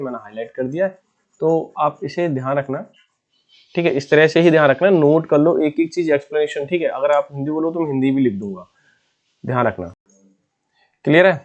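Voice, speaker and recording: A man teaching exam vocabulary in an easygoing way, patiently explaining each word and checking in with his students again and again. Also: a little high. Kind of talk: exam-prep lesson in casual Hindi.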